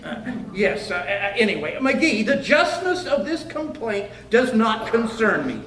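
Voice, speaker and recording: Man playing a very high-voiced pompous mayor. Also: big pitch swings, fairly bright tone, far from the mic, exaggerated voice. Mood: indignant. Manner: stuffy, wordy, halting. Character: pompous, formal male small-town mayor, easily exasperated. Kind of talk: old-time radio comedy acting before an audience. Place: clubhouse hall, live radio play performance. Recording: echoey live hall, off mic, noisy.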